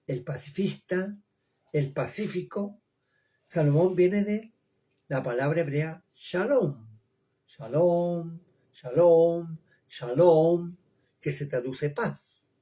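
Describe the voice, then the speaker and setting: A man giving a verse-by-verse Bible study, reading Hebrew names slowly and explaining them in Spanish, repeating words and checking in with his listeners. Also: a little high, dark tone. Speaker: Bible teacher.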